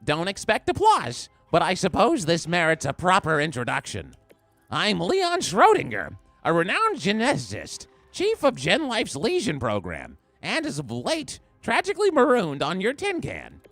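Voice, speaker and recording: A man putting on a high gravelly nerd geneticist voice. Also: wildly swooping pitch, moderate pace, a bit bright, no echo, faint music behind, full character voice. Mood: smug. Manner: nasal nerd voice, haughty and sneering. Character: pompous snobby male geneticist, nerdy and condescending. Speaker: streamer reading a game character's lines.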